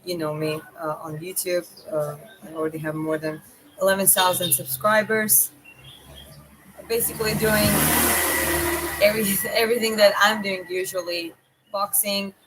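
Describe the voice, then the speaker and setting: A woman with a Georgian accent chats casually as a live streamer, thinking aloud in a halting way. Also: lowish voice, steady tone. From Georgia (country). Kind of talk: casual livestream chat. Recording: clear background noise.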